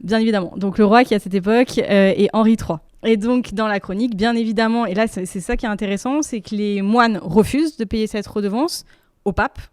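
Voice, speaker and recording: Woman researcher, crisp resonant voice, dry close sound, animated storyteller. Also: medium pitch, fairly quick, no room sound. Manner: lively storytelling with asides. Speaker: researcher guest. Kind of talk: explaining history in an interview. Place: research institute room.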